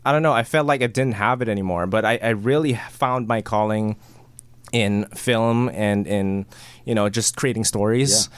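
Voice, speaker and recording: A man from the Philippines, a guest who edits films, talks easily in a lowish, smooth voice. He strings his thoughts together with filler words. The sound is dry and close. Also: moderate pace, no room sound. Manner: relaxed, uses many "you know" fillers. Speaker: guest, film editor. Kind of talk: casual interview chat.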